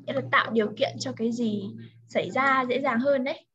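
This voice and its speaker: A woman tutoring a pupil one-on-one in English vocabulary, saying each word slowly and carefully for the pupil to repeat. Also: a little high, fairly bright tone, muffled recording. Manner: slow, careful word-by-word pronunciation modeling.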